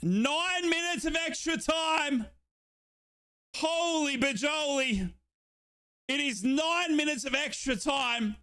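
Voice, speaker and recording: A young Australian man shouts excited live football commentary on a watchalong stream, repeating himself as his voice turns hoarse. His pitch is very high, his pace slow, and he pauses often.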